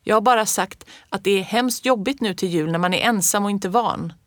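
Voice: medium pitch, fairly bright tone, dry recording, clean studio sound, lightly acted. A reader voicing a stressed, proud young woman who runs a shop, in a storybook tale, sounding defensive.

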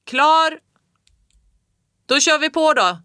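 A reader voicing a stubborn, upset six-year-old farm boy who shouts over a snowstorm. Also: medium pitch, dry recording, studio quality, voice pushed up, close to an everyday voice. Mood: shouting.

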